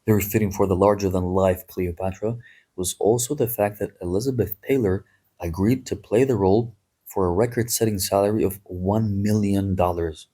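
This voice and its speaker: A man's voice: sits low, normal speed, mellow, slightly rough. A man hosting a history podcast, talking in a chatty, digressive way with wry asides. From Greece. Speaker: podcast host. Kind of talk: casual history podcast talk.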